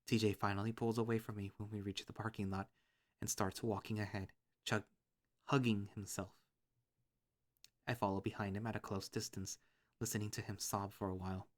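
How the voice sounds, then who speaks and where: A young man reading a visual novel aloud in first person, with steady, earnest storytelling. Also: on the low side, normal speed, pauses often.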